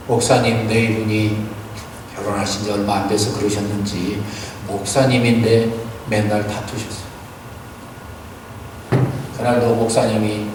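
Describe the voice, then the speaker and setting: Korean pastor preaching in an echoing sanctuary. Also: male voice, on the low side, noisy background. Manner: earnest, exhorting, rhetorical questions. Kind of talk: Sunday sermon with storytelling. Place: church sanctuary. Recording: church hall reverb, distant mic.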